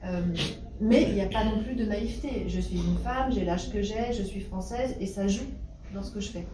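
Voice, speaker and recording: A woman's voice: medium pitch, normal speed. A French woman historian and university lecturer, answering questions in a thoughtful, hesitant way. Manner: thoughtful, many hesitations and restarts. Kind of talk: conversational talk answering questions. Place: meeting room. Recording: roomy echo from a distance, noisy room.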